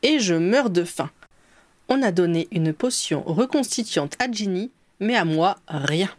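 A tired young father, voiced by a woman reading aloud, slowed and weary. The storybook reading sounds dry and close. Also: lowish voice, animated, no echo. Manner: weary, plain.

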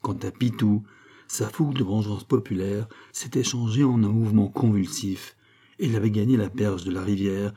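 A man narrating a classic novel in a steady, measured reading. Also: lowish voice, breathy edge. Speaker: audiobook reader. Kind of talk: scripted narration.

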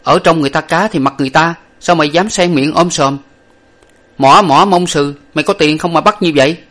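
A man's voice: on the high side, brisk, a bit bright, voice pushed up, close to an everyday voice. A man voicing a stern young male master who scolds his servant. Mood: scolding.

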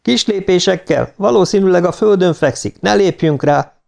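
A man's voice: high voice, creaky, darkish tone, pitched above the performer's own voice. A man reading an audiobook, voicing a decisive female mission commander who gives clipped, urgent orders in a raised voice. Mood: urgent, commanding.

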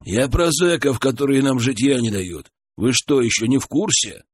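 A man voicing a gruff, suspicious armed man on a raft, speaking bluntly in an audiobook. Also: mid-range voice, moderate pace, no echo, studio quality, lightly acted. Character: wary armed man guarding a raft house.

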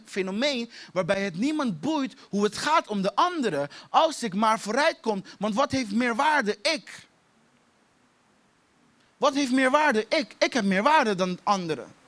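A man's voice: high-pitched, animated, normal speed, fairly bright tone. A man preaching a sermon, repeating key phrases for emphasis and laughing at his own stories. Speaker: pastor.

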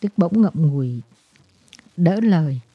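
Female novel narrator, measured and even, lowish pitch, dry close sound. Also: breathy edge, no room sound. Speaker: audiobook reader. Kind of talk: novel read aloud. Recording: dull lo-fi dry recording.

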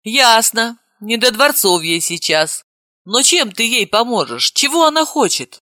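Чтица читает строгую тётю за тридцать. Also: female voice, on the high side, big pitch swings, a little slow, sharp tone, dry recording, studio quality, voice pushed up, exaggerated voice. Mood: stern. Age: 30s. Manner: stern, scolding. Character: stern aunt in her thirties, worried.

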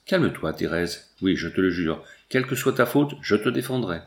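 A man voicing a young man, a stern and protective brother, speaking gravely and solemnly in a storybook reading. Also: sits low, lively intonation, normal speed, pitched below the performer's own voice. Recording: roomy echo.

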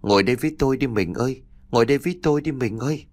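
A man voicing the ghost of an old wife in a horror audiobook, speaking in a cold, quiet, coaxing way. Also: medium pitch, racing, voice pushed up, close to an everyday voice. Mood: cold, luring. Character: ghostly dead wife calling her husband.

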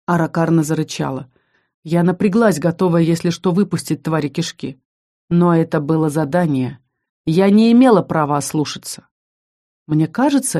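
A woman reading a first-person fantasy audiobook in a lively, expressive storytelling manner. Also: on the low side. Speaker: audiobook narrator.

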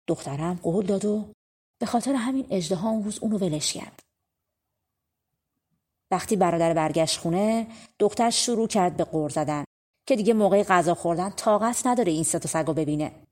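A woman reading an audiobook of folk tales, narrating in a relaxed, conversational storytelling way. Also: on the low side, long pauses. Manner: conversational, spoken-style telling. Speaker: audiobook reader.

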